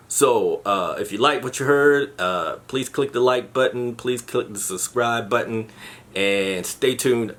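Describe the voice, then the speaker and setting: A man's voice: medium pitch, a bit bright. A man, an Air Force veteran hosting his own show, telling stories in a casual, profane way and often restarting his sentences. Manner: profane, restarts and repeats words. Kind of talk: casual storytelling monologue.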